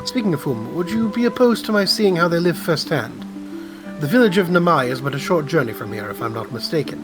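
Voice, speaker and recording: A man voicing a grand, courtly game villain in a slow, theatrical and formal delivery. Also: on the high side, big pitch swings, over music, pitched above the performer's own voice. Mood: grand, solemn. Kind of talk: reading game dialogue in character.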